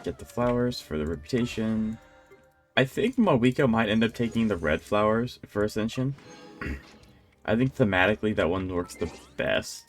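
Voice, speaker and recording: Fairly low-pitched but lively in intonation, the streamer speaks at a normal pace while casually commenting on his game, musing aloud and rambling, with faint music underneath.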